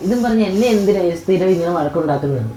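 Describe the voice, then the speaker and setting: A woman's voice: on the low side, animated, fast, mellow, natural voice. A woman playing a tired young married daughter who complains about her hard life. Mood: pleading. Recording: echoey room.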